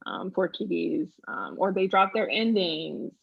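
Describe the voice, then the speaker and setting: A woman's voice: lowish voice, animated, unhurried, creaky, slightly rough. A woman host from Boston, chatting casually, laughing often as she talks. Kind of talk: casual chat. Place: lives in Portugal. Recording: dull lo-fi sound.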